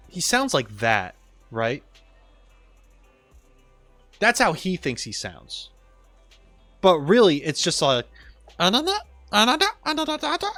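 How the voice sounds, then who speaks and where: Animated man joking through a game stream. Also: a little high, no echo. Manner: joking, animated, mocks the characters. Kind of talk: casual gameplay commentary.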